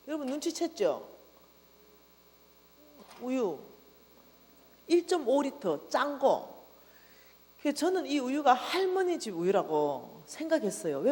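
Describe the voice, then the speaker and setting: A woman preaching a revival testimony, her pitch swinging widely as she tells her story with animated energy. Her voice carries through a church hall with a long reverb tail and a faint mains hum underneath. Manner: animated storytelling, acting out her own past outbursts. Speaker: revival speaker. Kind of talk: sermon testimony.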